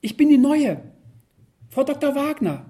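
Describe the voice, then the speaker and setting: A man's voice: high voice, big pitch swings, brisk, warm tone, husky, voice pushed up, exaggerated voice. A man putting on a bubbly, overeager young woman. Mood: giddy. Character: cheerful, giddy woman job starter.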